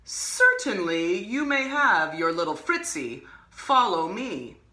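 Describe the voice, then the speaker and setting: A woman voicing a menacing old male magician in a picture book, with a slow, growling, imposing delivery. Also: medium pitch, very animated, bright, forceful tone, reverberant, exaggerated voice. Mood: cold courtesy.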